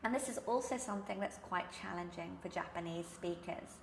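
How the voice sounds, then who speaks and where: A woman's voice: lowish voice, fairly quick, vocal fry, slight background noise. A woman with a British accent giving an instructional pronunciation lesson, enunciating carefully and stressing example words. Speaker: pronunciation coach. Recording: echoey room.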